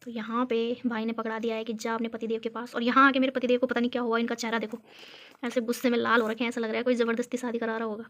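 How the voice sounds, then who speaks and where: A young woman vlogger from Uttarakhand, India chats and giggles while showing viewers a photo album, filmed at home on her phone camera. Her voice is fairly high and fairly bright, delivered in a rapid-fire monotone.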